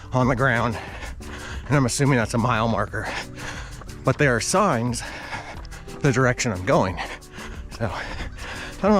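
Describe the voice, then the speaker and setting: A man's voice: mid-range voice, fairly bright tone. A man chatting casually to viewers as a vlogger, talking while out running outdoors on an action camera. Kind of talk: casual vlog chat. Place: outdoors on roads by fields. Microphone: action camera carried while running.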